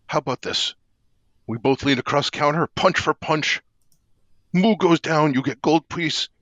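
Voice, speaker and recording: A man's voice: a little high, unhurried, a bit bright, no echo, highs cut off, pitched above the performer's own voice. A man voicing a dim, cheerful barbarian fighter in a tabletop game, speaking bluntly in broken third person. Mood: boastful.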